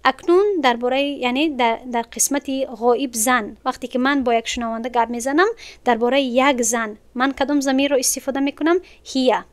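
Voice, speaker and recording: A woman teaching an online Arabic grammar lesson in Tajik-accented Persian. Her voice sits high and sounds smooth and clear. She explains patiently, stepping through each point and repeating words slowly. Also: fairly even intonation.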